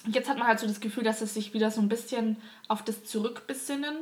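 Chatty young woman, slightly high voice. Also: steady tone, fast, distant mic. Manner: gushing, retells scenes with many fillers. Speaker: podcast co-host. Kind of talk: casual chat about a TV series.

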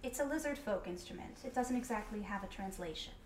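A woman's voice: medium pitch, expressive, fast talker, reverberant, distant mic, a little hiss or hum, close to an everyday voice. A woman voicing a blunt, literal-minded lizardfolk bard in a tabletop game, with formal, matter-of-fact wording.

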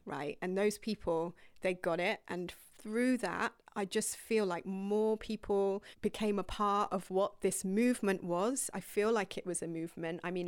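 Speaking at a medium pitch, she tells viewers about her life as a young yoga teacher in a loose, frank, easygoing way, occasionally lowering into a breathy whisper. The sound is dry and clean, like a studio.

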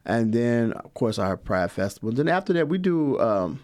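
A middle-aged man, a guest in an interview, answering in a relaxed, rambling way with many fillers. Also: mid-range voice, normal speed. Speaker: guest, community organizer.

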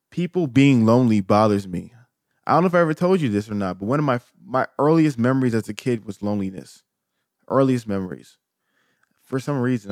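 A man's voice: fairly low pitch, a little mellow, no room sound, clean studio sound. A man co-hosting a podcast, talking earnestly and repeating phrases for emphasis. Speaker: podcast co-host. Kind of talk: casual podcast talk.

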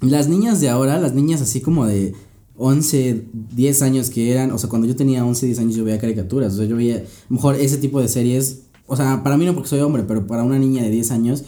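A man's voice: medium pitch, fast talker, dark tone. A young man co-hosting a casual podcast, joking and talking with many fillers. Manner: joking, interrupting, full of fillers. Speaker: podcast co-host. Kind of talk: casual chat.

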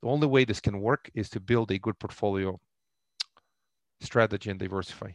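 A low, gravelly man with a Russian accent talks about investing as a podcast guest. He speaks haltingly, restarting phrases often. The sound is dry and close. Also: no echo. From former Soviet Union. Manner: halting, many restarts and fillers. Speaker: real estate investor guest. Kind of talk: podcast interview.

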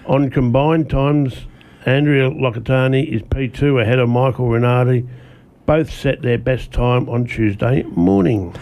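A man's voice: mid-range voice, a little slow, a little mellow. An Australian man co-hosting a radio motorsport show, reading a scripted report aloud from his notes and stumbling now and then. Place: radio studio.

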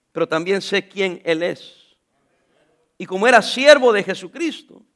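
A middle-aged man preaching a sermon, calling out to the congregation and reading scripture aloud with them. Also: sits high. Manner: animated preaching, calls out to the congregation; reads scripture slowly with the congregation. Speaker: pastor.

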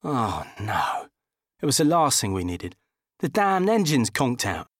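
A man's voice: fairly high pitch, very animated, normal speed, no echo, studio quality. Man narrating a wry audiobook. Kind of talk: first-person audiobook narration.

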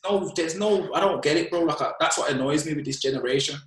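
A man's voice: on the high side, fast talker, echoey room. A man with a London roadman accent speaking as a podcast guest in casual chat, opinionated and emphatic, full of slang. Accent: London roadman, urban slang.

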